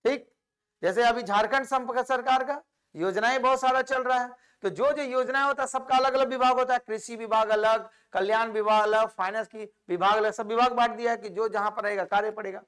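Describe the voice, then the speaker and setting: A man's voice: very high-pitched, little pitch movement, brisk, fairly bright tone, clean tone. A male teacher giving an exam-prep history lecture, repeating key names and quizzing his students, with English words mixed in. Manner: mixes English words into Hindi.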